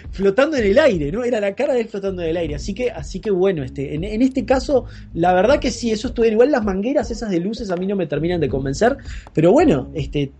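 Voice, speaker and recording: A podcast co-host in casual banter, animated and incredulous, hesitating with many fillers. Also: medium pitch, quick pace.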